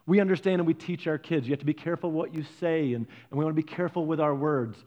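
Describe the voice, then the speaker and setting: A man preaching a sermon, animated and conversational, acting out quoted voices. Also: quick pace, muffled recording. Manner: animated, acts out quoted voices with big pitch jumps. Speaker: pastor.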